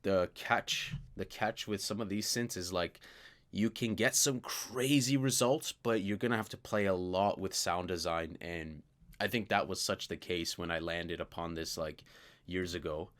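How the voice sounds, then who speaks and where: Low-voiced man musing over synth presets. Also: a little slow, a bit bright. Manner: thinking aloud, many fillers, trailing off. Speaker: music producer reviewing a synth plugin. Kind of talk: casual screen-recorded software walkthrough. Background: synth sounds playing.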